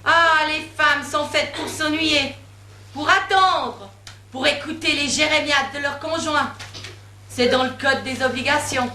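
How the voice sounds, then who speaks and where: A woman's voice: high-pitched, a little slow, pushed and bright, full character voice. A woman doing a bitter, weary old wife. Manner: sighing, resigned, sarcastic. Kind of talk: amateur stage comedy. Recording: echoey stage from far off, noisy.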